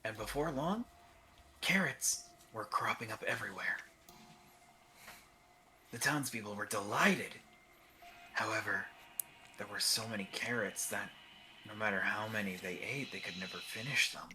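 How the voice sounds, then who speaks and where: A woman voicing a quiet, wistful, mysterious young girl in a video game, soft-spoken and measured. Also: extremely low pitch, soft background music, exaggerated voice, poor audio. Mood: calm, wistful.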